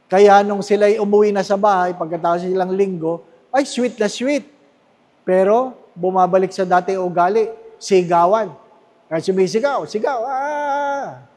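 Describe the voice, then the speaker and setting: Filipino male priest, high voice, slow deliberate homily, long church echo. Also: a little mellow. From Philippines. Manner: conversational preaching with tag questions to the congregation; slow, emphatic, repeating key phrases. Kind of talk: sermon. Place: large church with long reverb. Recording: echoey church hall.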